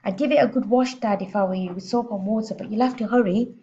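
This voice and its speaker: A woman voicing a clever little girl in a storybook, calm, innocent-sounding and matter-of-fact. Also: mid-range voice, fast, muffled recording, voice pushed up, close to an everyday voice. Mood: helpful, sly.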